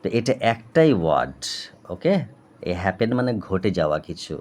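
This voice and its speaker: A man's voice: sits low, very animated, normal speed, darkish tone. A man tutor with a Bengali accent dictates an English reading word by word, names each punctuation mark aloud, and explains terms in Bengali. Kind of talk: slow dictation lesson.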